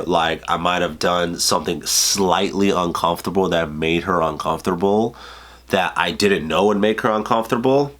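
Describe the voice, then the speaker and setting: Low-voiced with a sharp edge, a man in his twenties sounds congested from a cold as he vlogs casual dating advice to the camera, cursing and padding his loose talk with plenty of fillers.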